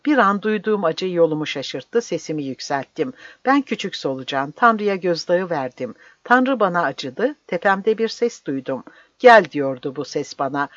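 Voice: mid-range voice, lively intonation, normal speed, hardly any pauses, dry recording, close to an everyday voice. A narrator voicing a fervent old village priest who preaches in a raised, impassioned voice, dry and slightly dull audio. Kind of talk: audiobook character voice.

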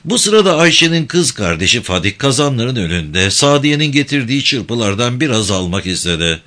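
A man narrating a literary story as an audiobook, expressive, and voicing each character himself. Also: mid-range voice, normal speed.

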